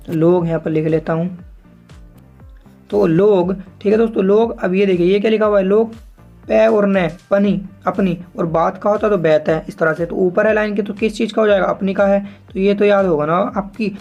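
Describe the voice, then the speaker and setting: A man teaching shorthand step by step, spelling out sounds slowly and repeating each word, often addressing viewers as friends. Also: high-pitched, a little mellow. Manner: slow and repetitive, spelling out sounds piece by piece and calling viewers "friends". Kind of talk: step-by-step tutorial explanation.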